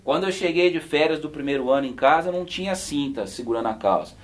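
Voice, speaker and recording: A man's voice: on the high side, animated, fast. A man, a pastor, gives an informal sermon and personal testimony at a home gathering, telling stories in a folksy way and often adding "né?". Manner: folksy storytelling, constantly adds "né?" and laughs softly.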